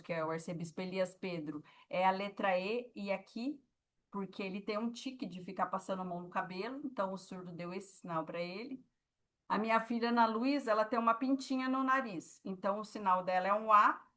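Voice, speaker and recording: A woman's voice: mid-range voice, a bit bright. Patient Brazilian woman teaching a class. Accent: Brazilian Portuguese. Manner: patient, explaining, with frequent check-ins. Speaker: sign language teacher. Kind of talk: online class explanation.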